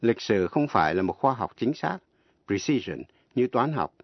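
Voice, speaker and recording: A man teaching an English lesson on the radio, speaking slowly and spelling words out letter by letter. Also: medium pitch, sing-song, no echo. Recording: dull lo-fi radio broadcast.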